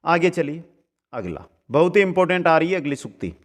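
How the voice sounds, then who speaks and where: A male teacher giving an exam-prep lesson. He chants each verse slowly, then explains it in quick asides, asks students if they understood, and calls them friends. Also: fairly high pitch, big pitch swings. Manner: addresses students as friends, asks checking questions.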